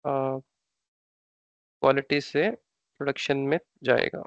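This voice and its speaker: A man's voice: medium pitch, fairly even intonation, takes it slowly, dry recording, dull audio. Indian man teaching an online class. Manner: explanatory, repeats terms, asks rhetorical questions. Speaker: SAP training instructor. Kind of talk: live online class lecture.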